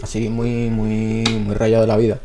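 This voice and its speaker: A man's voice: fairly low pitch, normal speed, slight background noise. A young man with a Venezuelan accent co-hosting a casual chat, talking animatedly with many restarts and questions. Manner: animated, hesitant restarts, asks the others questions. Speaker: podcast co-host.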